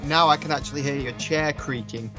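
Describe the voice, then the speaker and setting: A man co-hosting a laid-back band podcast, with a voice a bit higher than most men's. He teases his co-host with dry remarks, over faint music. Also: a little fast, sharp tone. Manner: dry, teasing. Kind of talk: casual chat.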